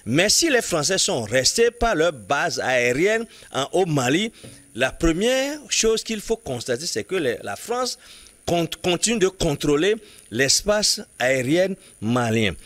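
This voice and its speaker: A man's voice: on the high side, very animated, fairly bright tone, no room sound. A man commenting in a studio political debate, arguing insistently and often restarting words as he builds his point. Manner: halting, restarts words while building an argument; emphatic, insistent reasoning.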